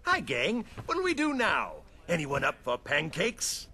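An actor playing a gleefully menacing, theatrical clown supervillain in a video game, mocking and prone to bursting into shouts. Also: male voice, on the high side, huge pitch swings, a little slow, slight background noise, exaggerated voice. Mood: playful mockery. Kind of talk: video game cutscene acting.

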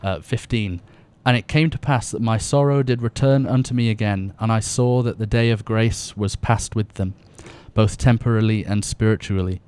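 A man's voice: fairly low pitch, normal speed, few pauses, darkish tone, clear, resonant tone. A man who is a podcast guest, talking earnestly and reading verses aloud with feeling. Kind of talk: podcast conversation with scripture reading.

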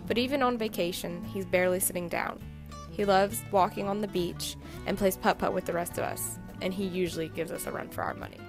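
A woman's voice: lowish voice, sing-song, fairly quick, over music. A young woman reading a scripted, fond narration about her grandfather.

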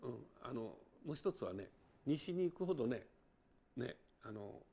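An older man from Hiroshima, a documentary writer and guest, tells stories in a lively interview and acts out dialect speech. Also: medium pitch, a little slow, creaky, breathy edge. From Hiroshima, Japan. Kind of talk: animated interview storytelling.

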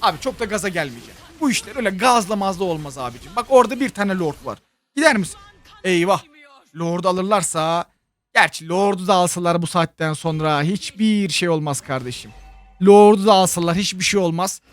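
A young man with a fairly high voice talks his way through a mobile game, chatty and excitable. He keeps up a running commentary and often breaks into repeated chants and cheers at the screen. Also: a little fast, faint music behind. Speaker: gaming YouTuber. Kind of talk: live gameplay commentary.

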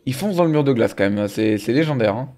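A man's voice: medium pitch, a little fast. French-speaking man teasing a bad player. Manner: animated, exclaims often, teasing. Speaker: streamer commenting on gameplay. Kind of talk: casual live gameplay commentary.

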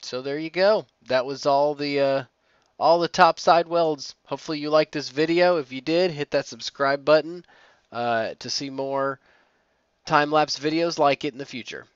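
A man's voice: on the high side, moderate pace, clean tone, no echo, muffled recording. Casual rambling man narrating his workshop build. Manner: loose and rambling, with many ums and restarts.

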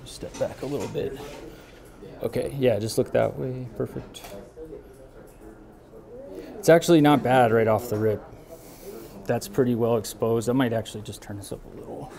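Relaxed, rambling barber in his shop. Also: medium pitch, moderate pace, creaky, long pauses. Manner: relaxed, rambling, many fillers. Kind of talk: casual talk while working. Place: barbershop with brick walls, indoors.

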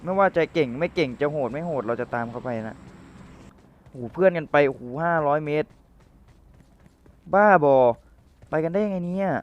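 A young man casually commentating his own game match, playful and chatty with viewers and teammates, his voice a little rough from the cold. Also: fairly high pitch, lively intonation, normal speed, long pauses, dull audio.

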